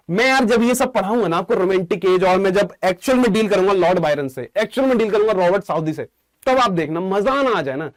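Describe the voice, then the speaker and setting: A man's voice: sits high, no echo. A young man with an Indian accent teaching English literature in a chatty, informal exam-prep lecture. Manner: chatty, informal, jokes with students.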